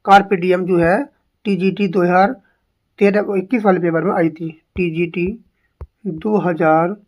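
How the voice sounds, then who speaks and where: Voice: medium pitch, darkish tone. An English teacher giving an exam-prep lesson, drilling each word by repeating it and asking rhetorical questions.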